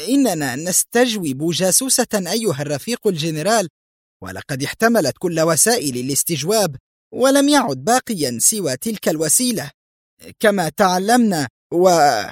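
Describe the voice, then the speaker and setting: A man's voice: medium pitch, sing-song, fast, few pauses, no echo, clean studio sound, lightly acted. A man voicing a cruel woman interrogator who talks in a strained, defensive way. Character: cruel female prison interrogator, nervous before superior. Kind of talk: audiobook character voice.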